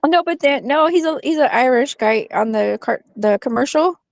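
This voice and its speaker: A woman's voice: sits high, animated, normal speed, gravelly, no echo. A woman from the United States chatting in an online voice call, giggling often and chiming in with short remarks. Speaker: panel member. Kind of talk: casual voice-chat conversation.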